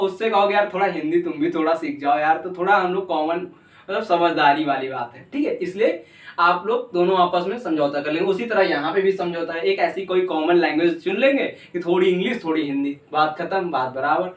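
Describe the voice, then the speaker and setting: Young male tutor, casual and chatty, recorded from a distance in a roomy space. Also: high-pitched. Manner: casual, chatty, keeps asking "ठीक है", jokey examples. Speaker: teacher. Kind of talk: explaining a civics lesson. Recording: echoey room, voice from a distance.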